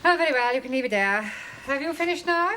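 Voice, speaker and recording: A prim, dry English headmistress. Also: female voice, sits high, animated, fast talker, pushed and bright, a little hiss or hum. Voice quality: crisp, dry, proper English.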